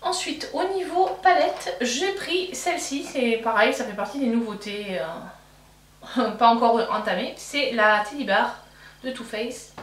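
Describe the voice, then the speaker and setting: A woman's voice: fairly high pitch, unhurried, fairly bright tone, distant mic. Chatty woman doing her makeup, roomy sound. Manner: rambling, thinking aloud with many fillers and self-corrections. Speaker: beauty vlogger. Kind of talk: casual get-ready-with-me chat while doing makeup. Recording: echoey room, voice from off-mic, faint hum.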